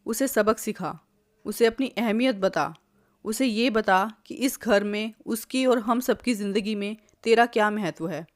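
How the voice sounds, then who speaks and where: Woman voicing a scolding older mother-in-law, protective and sharp-tongued, mid-pitched storybook voice. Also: measured pace, close to an everyday voice. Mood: firm. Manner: scolding, lecturing.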